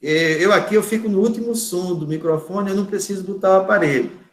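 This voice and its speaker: A man giving a lecture to a class, talking loudly and repeating words for emphasis. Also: sits high, fast, echoey room. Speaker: course instructor.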